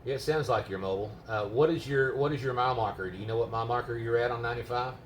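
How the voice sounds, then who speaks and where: A man's voice: medium pitch, very fast. A man talking casually indoors as a home radio operator, explaining things in a patient, rambling way. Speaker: amateur GMRS radio operator. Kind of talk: casual, unscripted radio chat. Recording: roomy, noisy, distant microphone.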